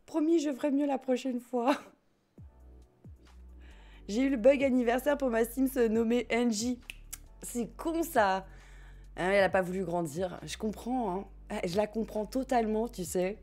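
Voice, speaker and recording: Game music plays while a French woman streams her gameplay, her warm voice sitting on the high side at an ordinary pace. Chatty and giggly, she addresses chat and drops casual swears.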